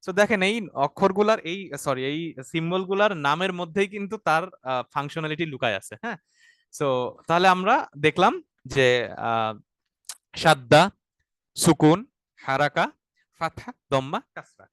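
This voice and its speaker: A man's voice: on the high side, expressive, normal speed, pauses often, fairly bright tone, clear, resonant tone, no room sound, studio quality. A man teaching an online Arabic grammar class. He explains patiently, repeats his points, checks in with his students often, and mixes English words into his talk.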